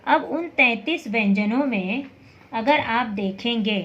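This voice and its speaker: Female teacher, patient lesson delivery, drawn-out letter by letter, muffled recording. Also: on the high side, a bit bright. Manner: slow, drawn-out recitation of letters; patient explaining with repeated checks. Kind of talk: Hindi alphabet lesson. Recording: dull lo-fi recording with faint noise.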